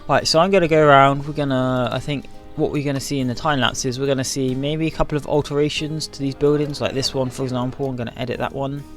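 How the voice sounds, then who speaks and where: A man's voice: medium pitch, steady tone, fast talker, few pauses, soft background music. A sleepy, yawning man rambling to himself with lots of fillers as he builds in a game. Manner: rambling, self-talking, frequent fillers. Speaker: gaming video creator. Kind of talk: casual commentary while building in a game.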